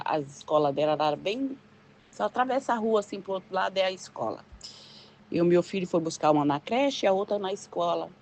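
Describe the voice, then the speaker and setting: Preaching conversationally, an older woman with a Brazilian Portuguese accent fills her informal sermon with rhetorical questions and tag questions. She speaks with a lowish, darkish voice.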